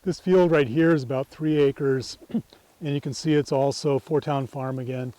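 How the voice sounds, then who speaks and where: A man's voice: medium pitch, steady tone, moderate pace, dark tone, dry recording, rough recording. A middle-aged man giving an informal talk as he guides a nature walk, reflective and tentative, often trailing off at the ends of phrases. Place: outdoors on a farm trail.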